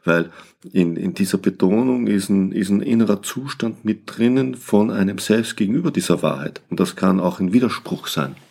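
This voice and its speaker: A man's voice: lowish voice, moderate pace, creaky, darkish tone, breathy edge. A man co-hosting a podcast, explaining his ideas thoughtfully and often repeating words as he searches for phrasing. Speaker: podcast co-host. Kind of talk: conversational podcast discussion.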